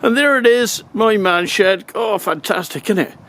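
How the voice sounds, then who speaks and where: Casting: older male comic storyteller, broad rural Wiltshire accent, high voice, folksy and very animated. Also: moderate pace. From Wiltshire, England. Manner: folksy, chuckling, colloquial rural turns of phrase. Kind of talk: casual humorous anecdote telling.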